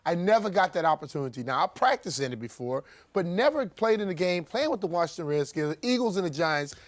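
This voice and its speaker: A man's voice: high-pitched, fast, no echo. A man, a former player working as a studio analyst, chatting and joking about his playing days. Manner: animated, chatty, jokey. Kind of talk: studio sports talk.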